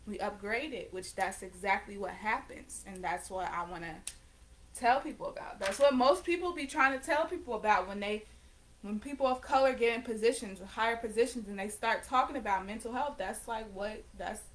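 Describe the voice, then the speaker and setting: On a low-quality recording with a little hiss or hum, a nineteen-year-old woman speaks at a moderate pace in a mid-range voice. She's a vlogger and painter having a casual chat to camera, rambling conversationally and correcting herself.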